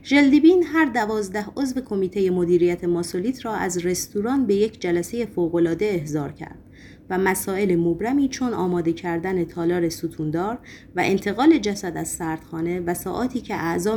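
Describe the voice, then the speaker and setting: A woman's voice: lowish voice, a little hiss or hum. Woman reading a novel aloud. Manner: steady, measured reading. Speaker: audiobook narrator. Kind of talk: scripted narration.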